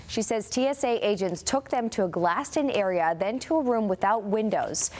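A woman's voice: medium pitch, expressive, normal speed, darkish tone. A woman news anchor in her thirties with an American accent, reading scripted news. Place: TV studio.

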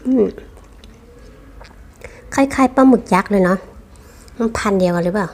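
A woman's voice: medium pitch, moderate pace, a little mellow. A woman doing a casual mukbang eating show, chatting to viewers between bites with chewing and savouring hums.

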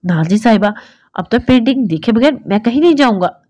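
Woman reading a calm, teasing young man. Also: on the high side, fairly quick, no echo.

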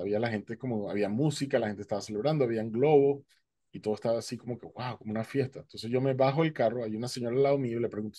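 A man telling a personal story in a conversational way, often using fillers and animating the voices of others. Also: medium pitch. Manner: conversational, uses fillers like "eh" and "este"; animated when quoting others. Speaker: speaker sharing a near-death testimony.

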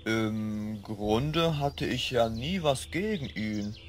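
A man's voice: fairly low pitch, lively intonation, takes it slowly, a little hiss or hum. A man voicing a greedy, fawning middle-aged village father in a fan-made game mod, hesitant and backpedalling. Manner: hesitant, backpedalling with filler sounds.

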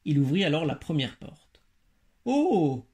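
Gravelly man reading a fairy tale. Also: fairly high pitch, animated, normal speed, a little mellow. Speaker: reader.

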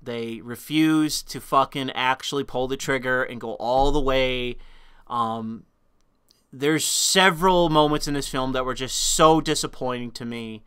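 A man's voice: medium pitch, unhurried, clear, resonant tone. Profane, exasperated man ranting a film review. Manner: profane, exasperated, swings between mutters and shouted outbursts. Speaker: movie reviewer.

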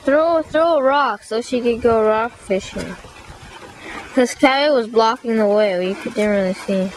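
A woman filming dogs by a lakeshore, cheering them on excitedly and calling out instructions. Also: on the high side, a little slow. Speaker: person filming dogs at a lake. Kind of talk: casual home video chat. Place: lakeshore outdoors. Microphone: camcorder mic. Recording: noisy outdoor camcorder audio.

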